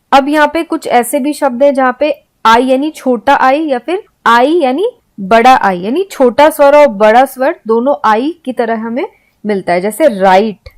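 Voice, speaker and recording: A woman gives a spoken-English lesson. Her voice sits somewhat high, and she spells out letters one by one before saying each example word with slow, careful emphasis. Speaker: English teacher.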